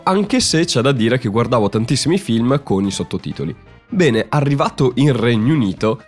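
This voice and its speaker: A man's voice: mid-range voice, darkish tone. A young man from Italy hosting a podcast, explaining in a chatty way and laughing at himself now and then. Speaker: podcast host. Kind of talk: casual podcast monologue.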